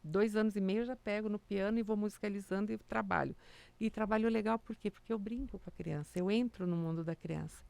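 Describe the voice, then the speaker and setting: A woman who teaches music to small children tells stories in casual conversation, acting out the quotes with animation and tagging many lines with "né?". Her mid-range voice is brisk, creaky yet smooth, recorded with no echo.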